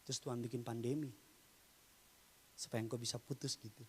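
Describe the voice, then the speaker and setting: A male pastor preaching a livestreamed church sermon, moving between low confiding talk and loud exclamations, with humorous storytelling. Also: steady tone, a little fast, slight background noise. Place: church stage. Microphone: live-streamed church service.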